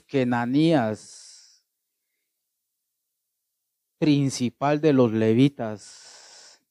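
A man preaching a sermon, animated, often asking the congregation rhetorical questions. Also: medium pitch, dry recording, studio quality. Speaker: pastor.

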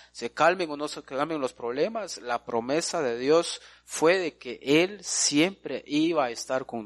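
A man preaches an emphatic sermon. His voice sits a little high and swings widely up and down. He keeps calling on his listeners directly.

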